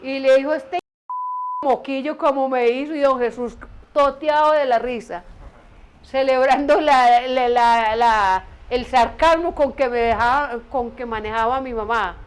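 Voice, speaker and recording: A woman's voice: high voice, unhurried, clear, resonant tone. An older woman with an Antioquian Colombian accent, casually telling a family story with many restarts and amused asides. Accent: Antioquian Colombian Spanish. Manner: meandering, frequent restarts, amused. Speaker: storyteller recalling her mother.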